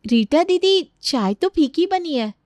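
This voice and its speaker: A woman's voice: extremely high pitch, expressive, a little slow, darkish tone, no room sound, studio quality, voice pushed up. A woman voicing an earnest young daughter-in-law in a cartoon story, with pleading, indignant questions.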